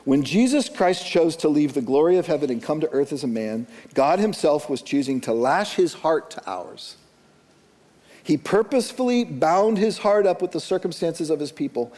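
Slow, earnest preaching man, slightly high voice. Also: long reverb tail. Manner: slow and deliberate, dropping soft then rising emphatic. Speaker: pastor. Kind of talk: sermon.

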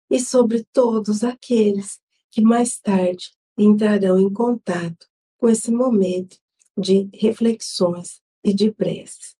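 A Brazilian woman hosting an online Spiritist gospel study, leading an opening prayer and reading a devotional text in a solemn, measured way. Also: mid-range voice, mellow. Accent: Brazilian Portuguese. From Brazil, São Paulo state.

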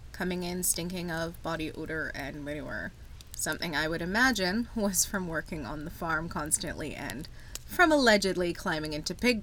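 A woman's voice: fairly low pitch, a bit bright, a little hiss or hum. A woman hosting a true crime podcast, narrating a script in a storytelling manner with casual asides.

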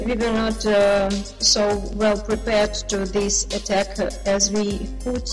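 A woman's voice: medium pitch, long reverb tail, poor audio. A woman from Ukraine with a Ukrainian accent, giving interview answers in her second language, hesitant and searching for words. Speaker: band member interviewed as guest.

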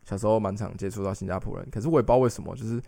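A man's voice: lowish voice, very fast, gravelly, mellow, no room sound, studio quality. A young man, co-hosting a podcast in casual chat, rambling with restarts and English phrases mixed in. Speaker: podcast co-host.

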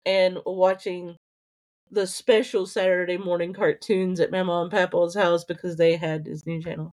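A woman's voice: lowish voice, little pitch movement, normal speed, a little mellow. A woman with an Appalachian accent from Eastern Kentucky, leading a casual family conversation. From Eastern Kentucky, United States.

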